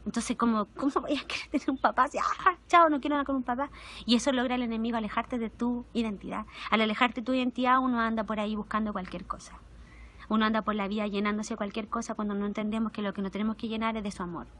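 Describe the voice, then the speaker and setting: Chilean lady giving a heartfelt sermon, kinda high voice, goes soft then lively. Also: quick pace. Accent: Chilean Spanish. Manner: intimate and emotional, shifting between soft and animated. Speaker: preacher. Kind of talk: testimonial sermon.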